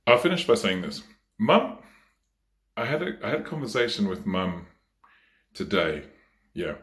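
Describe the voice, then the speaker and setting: A man giving a eulogy for his mother at a memorial service, talking slowly and haltingly with many pauses and fillers. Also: deep voice, big pitch swings, a bit bright, echoey room.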